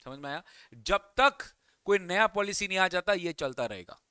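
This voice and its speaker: A man's voice: high-pitched, expressive, moderate pace, bright, forceful tone, clear, resonant tone, no room sound. A man teaching an exam coaching lecture, often quizzing his students and mixing English reading with Hindi explanation. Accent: Indian English. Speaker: tax lecturer.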